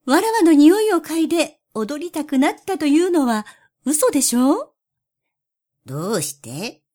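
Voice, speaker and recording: A woman's voice: sits high, very animated, measured pace, warm tone, voice pushed up. A woman voicing a cheerful but wary female bush warbler, speaking in a lilting, prim and teasing way. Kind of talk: storybook reading.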